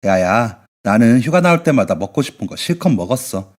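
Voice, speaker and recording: A man's voice: medium pitch, very animated, a little fast. A man doing a teasing young older brother. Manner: playful, teasing. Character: teasing young adult brother, soldier on leave.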